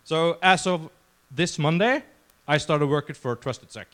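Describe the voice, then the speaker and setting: A man around forty, Norwegian and speaking with a Norwegian accent, delivers an informal, conversational talk to a crowd in a conference session room, often poking fun at himself. His voice is on the high side and fairly bright, his pace measured, and there's a little hiss or hum in the audio.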